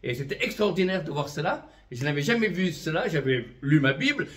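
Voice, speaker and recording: A fervent man in his fifties, originally from Vietnam, gives a religious testimony as an itinerant prophetic minister. His slightly high, a bit bright voice is very animated and fairly quick, and he keeps adding "amen" and "voilà" with light chuckles.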